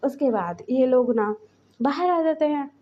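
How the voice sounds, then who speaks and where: High-voiced woman retelling a story. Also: lively intonation, unhurried, highs cut off. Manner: chatty, rambling retelling. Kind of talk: casual fan fiction narration.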